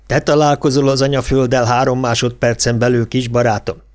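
A man doing a gruff folksy old policeman. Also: mid-range voice, level tone, a little mellow, natural voice. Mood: lecturing. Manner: folksy dialect, dry and blunt. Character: gruff older male small-town policeman. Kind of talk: audiobook character voice.

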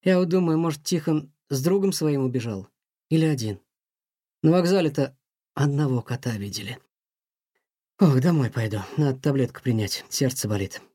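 A man's voice: mid-range voice, moderate pace, no echo, studio quality, close to an everyday voice. A man voicing a weary old museum director. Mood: tired, warm. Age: older. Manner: sighing, soft-spoken, talks kindly to a mouse. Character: weary aging male museum director, gentle and sad.

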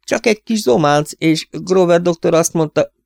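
A man voicing a big, hearty dentist who booms jovially. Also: vocal fry, darkish tone, no room sound, studio quality. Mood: booming jovial. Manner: booming, jovial.

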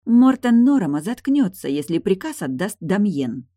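A woman reading an audiobook, voicing a brash, sharp-tongued retired guardswoman who is mocking, blunt and pushy. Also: mid-range voice, big pitch swings, normal speed, no room sound, clean studio sound, voice pushed up. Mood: scheming.

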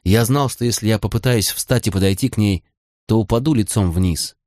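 A man reading an audiobook in a low, hushed, subdued voice. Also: a little fast, no room sound, studio quality. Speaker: audiobook reader. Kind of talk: scripted narration.

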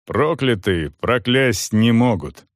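A male narrator voicing a hard, cold soldier who speaks in gruff, clipped commands. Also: mid-range voice, lively intonation, takes it slowly, no echo, clean studio sound.

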